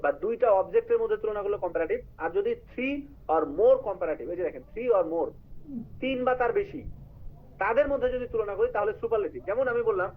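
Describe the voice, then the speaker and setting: Fast-talking male teacher, phone-like line. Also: sits high. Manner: explanatory, quizzes students, mixes in English. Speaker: English writing teacher. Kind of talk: live online class lecture.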